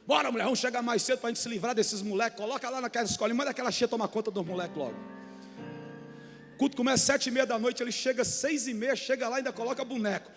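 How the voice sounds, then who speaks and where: A man with a Brazilian accent preaches in a notably high voice, mixing a folksy, colloquial tone with fiery bursts that climb to shouting. His voice rings through a church hall with a long reverb, and soft music plays underneath. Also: very fast. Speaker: pastor. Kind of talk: sermon.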